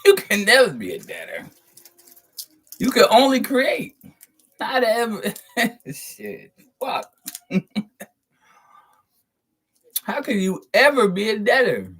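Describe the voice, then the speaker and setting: Male channel host, somewhat high voice, profane preachy monologue, emphatic, chuckles between points. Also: huge pitch swings, a bit bright, slightly rough. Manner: drawn-out, stressed words. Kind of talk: spiritual monologue to viewers.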